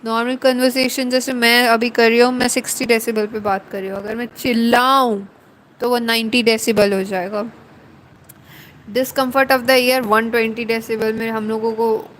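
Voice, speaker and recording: A woman with an Indian accent giving a slow, deliberate lecture, explaining terms one by one in a mix of Hindi and English. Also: fairly high pitch, flat delivery, a bit bright, a little hiss or hum, low-quality recording.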